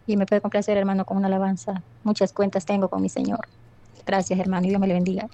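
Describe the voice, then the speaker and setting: A woman leaving a recorded voice note, played back on air and quickly rattling off greetings. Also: mid-range voice, completely flat delivery, mellow, a little hiss or hum. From El Salvador. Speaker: radio listener. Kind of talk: recorded voice message. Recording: dull, lo-fi voice note.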